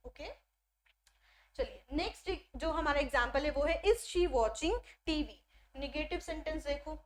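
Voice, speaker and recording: High-voiced woman teaching grammar. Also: fairly bright tone. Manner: explanatory, asks and answers own questions, mixes Hindi with English. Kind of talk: classroom-style grammar lesson.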